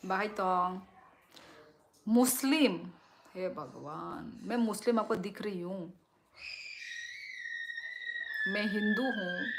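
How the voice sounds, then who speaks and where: A woman hosting a casual livestream, reading viewer comments aloud, thanking them and asking for likes, with a strong, loud voice into a phone. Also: medium pitch. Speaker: livestream host.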